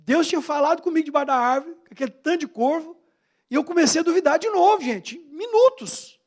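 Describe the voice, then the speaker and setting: A Brazilian-accented bishop preaches a sermon in a strikingly high-pitched man's voice. He presses his points home with rhythmic repetition and speaks straight to the congregation, often calling them brothers. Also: animated, fast talker. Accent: Brazilian Portuguese. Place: church.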